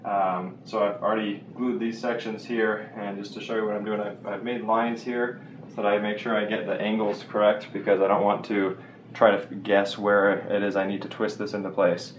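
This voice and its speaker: A young man with a low, level voice walks through a home repair step by step in a casual how-to tone. He talks plainly, with fillers and quick self-corrections. He is picked up on a nearby camera mic in a basement room with a faint hiss behind him. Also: level tone, dull audio. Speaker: DIY instructor. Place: unfinished basement bathroom, indoors. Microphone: camera mic, filming handheld and close.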